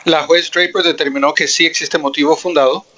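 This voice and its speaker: A man working as a court interpreter, giving a live translation voice into the courtroom in a formal, even relay of each statement. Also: a little high, fast talker, lo-fi sound.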